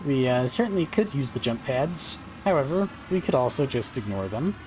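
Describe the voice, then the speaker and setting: A man's voice: mid-range voice, sing-song, normal speed, a little hiss or hum. A man streaming a video game, talking casually to viewers and thinking aloud with fillers and playful asides.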